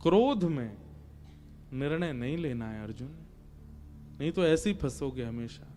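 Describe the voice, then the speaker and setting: A man's voice: very high voice, normal speed, fairly bright tone, pitched above the performer's own voice. A man voicing a playful divine god who teases and coaxes a warrior. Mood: calm.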